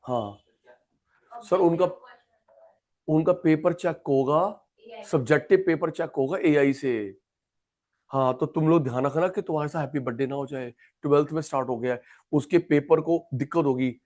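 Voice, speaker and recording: A man gives an economics lecture in a chatty, repetitive style, calling on students by name. His voice is on the high side and darkish, at a normal speed.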